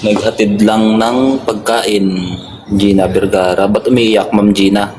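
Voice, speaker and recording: A man's voice: on the low side, steady tone, measured pace. A man on duty as a security guard, chatting casually on a phone live stream, politely thanking viewers and laughing often. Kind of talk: casual live-stream chat reading comments. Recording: phone live stream with clear background noise.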